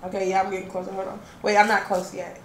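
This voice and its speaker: A loud, giggly young woman trades stories with her family at home. Her voice bounces around an echoey room, and there is clear background noise behind her. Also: medium pitch, level tone, fast. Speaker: guest, host's sister. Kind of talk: casual family chat.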